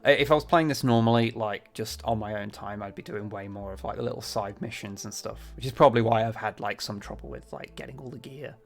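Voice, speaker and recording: A man's voice: on the low side, a little fast, creaky, few pauses. A man doing casual livestream game commentary, rambling a little and reading story text aloud. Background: faint music.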